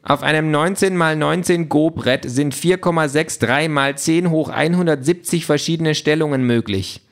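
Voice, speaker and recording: A man reading an audiobook in a dry, lively storytelling manner. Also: on the high side, gravelly. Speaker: narrator.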